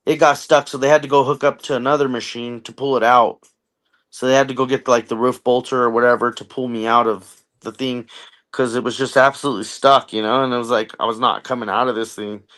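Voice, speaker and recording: An American man in his thirties, a veteran podcast guest, tells a long personal story conversationally, joking and using lots of fillers. His voice is medium-pitched and a bit bright, brisk, with little pitch movement.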